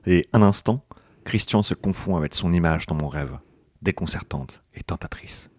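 Man, podcast co-host, playful mock-dramatic reading, deep voice. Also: animated, moderate pace, a little mellow, dry recording, studio quality. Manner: joking, laughs often, mock-dramatic reading. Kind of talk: comic book reading with banter.

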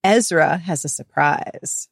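A woman's voice: low-pitched, slow pace, gravelly, breathy edge, no room sound. A woman co-hosting a podcast, summing up a romance novel in wry, blunt, casual chat. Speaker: podcast co-host. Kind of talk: casual book recap chat.

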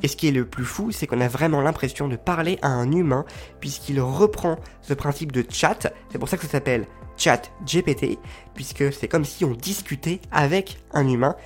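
A man's voice: a little high, moderate pace, faint music behind. A man hosting a podcast, explaining step by step with frequent fillers. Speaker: podcast host.

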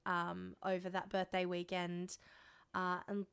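An Australian woman co-hosting a podcast, hoarse and congested with a cold, telling frank, sweary, self-mocking anecdotes in casual chat. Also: on the low side, monotone, unhurried, fairly bright tone. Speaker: podcast co-host.

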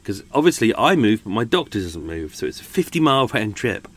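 Low-voiced British man with a swollen tonsillitis throat. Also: very animated, brisk, fairly bright tone. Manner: wry, self-interrupting, mild swearing. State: tired from lack of sleep. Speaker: podcast host. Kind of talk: casual rambling solo chat. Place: inside a steel canal boat.

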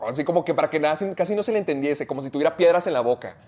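A man's voice: a little high, expressive, racing, darkish tone. A man hosting a casual podcast chat, repeating himself and pressing his co-host for details. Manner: repeats himself, prods the other speaker for details.

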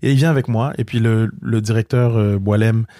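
A man's voice: fairly low pitch, fairly even intonation, brisk, mellow, dry recording, studio quality. A middle-aged man with a Québécois accent, a comedian guest telling stories in a casual interview, acting out quoted dialogue with many restarts. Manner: storytelling, acts out quoted dialogue; frequent restarts and repeated words.

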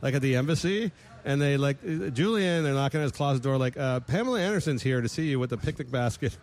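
A man co-hosting a casual comedic chat, animated and laughing often. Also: mid-range voice, fast talker. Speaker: podcast co-host.

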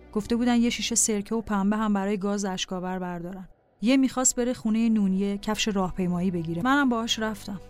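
A woman narrating a personal diary in a calm, scripted reading voice over faint music. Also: mid-range voice.

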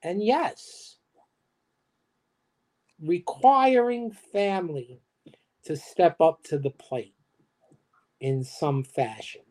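An older man, a guest on a livestream, speaking in a halting way with many fillers. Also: a little high, a little mellow. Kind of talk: conversational livestream talk.

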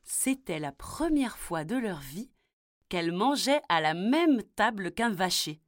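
A woman's voice: medium pitch, no room sound, studio quality. A woman reading a children's fairy tale aloud as a storyteller. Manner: slow, expressive storybook telling.

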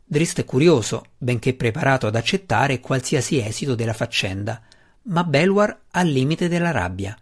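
Brief: man, audiobook narration, steady and expressive, mid-range pitch. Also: moderate pace. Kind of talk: scripted narration.

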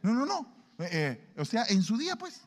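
Animated male preacher in a reverberant hall. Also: high-pitched, moderate pace. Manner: animated, acts out everyday dialogues. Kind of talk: sermon.

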